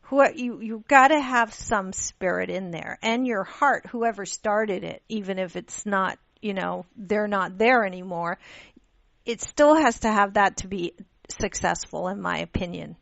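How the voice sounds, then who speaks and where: A woman from Pakistan hosting a radio interview, telling stories in an animated way with frequent restarts. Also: mid-range voice, unhurried, vocal fry, no echo. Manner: animated storytelling with laughs and restarts. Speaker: radio show host. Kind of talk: casual interview chat. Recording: dull lo-fi radio audio.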